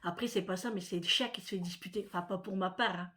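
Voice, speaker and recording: A woman's voice: mid-range voice, fairly even intonation, quick pace, fairly bright tone. A middle-aged woman from France chatting casually to her viewers, rambling with many fillers and little asides. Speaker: vlogger. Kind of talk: casual chat to camera.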